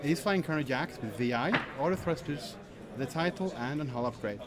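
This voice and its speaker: A man leading live commentary of a tabletop game, brisk play-by-play and reading out fleet lists. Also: on the high side, animated. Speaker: lead commentator. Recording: crowd chatter of a tournament hall.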